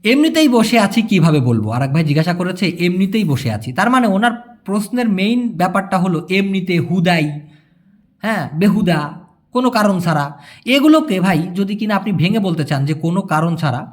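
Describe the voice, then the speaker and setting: A man teaching a language lesson in a casual spoken style, explaining words one by one and repeating phrases slowly. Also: sits high, expressive.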